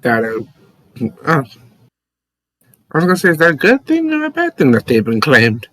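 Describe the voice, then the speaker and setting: Animated man playing a tabletop game. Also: fairly high pitch, moderate pace, poor audio. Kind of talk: casual game chat.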